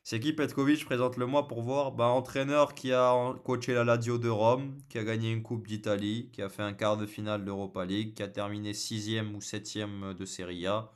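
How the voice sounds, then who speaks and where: Guy on a football live stream, kinda low voice, lots of euh and repeats, jokes with chat. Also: little pitch movement, a little fast, few pauses, clean tone. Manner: hesitant, many fillers and repeated words; joking, casual banter with viewers. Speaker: football channel host.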